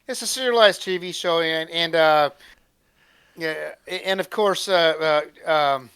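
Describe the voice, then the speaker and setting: A man co-hosting a casual chat, rambling and halting as he talks. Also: fairly high pitch, fairly bright tone, clean tone, no room sound. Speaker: co-host.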